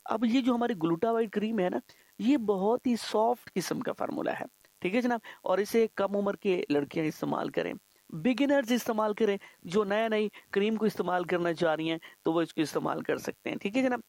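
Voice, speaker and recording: A man hosting a radio show in a relaxed, chatty way, pitching products and often tacking on a reassuring 'all right, sir'. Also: a little fast, vocal fry, dry recording. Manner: chatty, keeps adding 'theek hai janaab'. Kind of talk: casual radio talk with product promotion.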